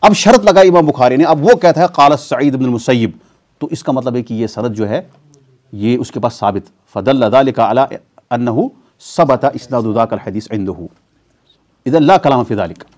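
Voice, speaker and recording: A man's voice: medium pitch, moderate pace, a little mellow. A man teaching a weekly class in a mosque, asking his students rhetorical questions and answering them himself. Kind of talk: classroom lecture on hadith terminology.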